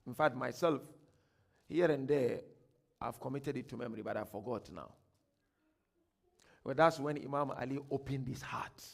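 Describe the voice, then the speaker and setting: A religious workshop lecture comes from a man from Ghana speaking Ghanaian English; he declaims with emphasis, gives quotations a slow, grand reading, and now and then murmurs quiet asides. His voice is mid-range and creaky.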